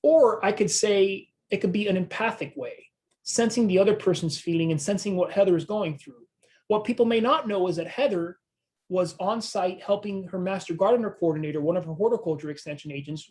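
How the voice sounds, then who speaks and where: A man's voice: sits high, a little mellow. A man with a regional accent presenting a training webinar on communication, conversational with self-deprecating asides. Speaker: extension presenter.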